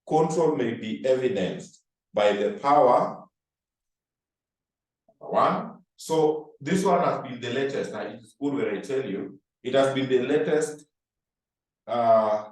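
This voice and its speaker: A man teaching an accounting class, repeating key points with emphasis and telling students what to underline. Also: medium pitch. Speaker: accounting lecturer. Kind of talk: classroom lecture. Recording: echoey room from far off.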